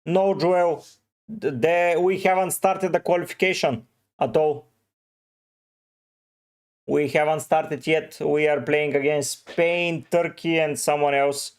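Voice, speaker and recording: A man hosts a relaxed livestream, reading viewers' names and answering each one briefly. His voice sits a little high for a man and comes through smooth and clear. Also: slow pace, long pauses. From Bulgaria. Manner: reads out chat names and gives short, offhand answers. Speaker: fantasy football streamer. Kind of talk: casual livestream, answering chat.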